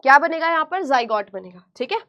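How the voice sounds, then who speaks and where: A woman teacher with a strikingly high voice leads an online lesson. She talks slowly and deliberately on her terms, repeating each question and answering it herself in a coaxing tone. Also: very animated, a bit bright. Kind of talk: online class lecture.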